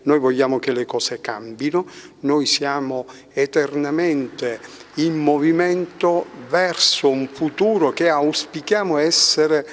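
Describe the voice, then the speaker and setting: A man giving formal interview answers in an earnest, halting, measured way. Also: fairly high pitch. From Sicily, Italy. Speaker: cultural institute representative. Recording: long hall reverb.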